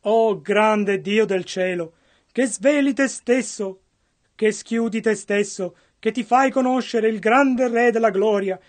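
A man's voice: high-pitched, slow pace. A man interpreting a sermon line by line, earnestly following the preacher's phrasing.

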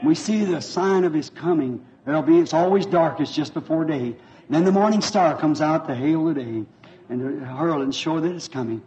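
A man preaching a revival sermon in a fervent, folksy way, pausing for his interpreter. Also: fairly high pitch, warm tone. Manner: fervent, folksy, repeats himself. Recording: dull lo-fi old sermon tape.

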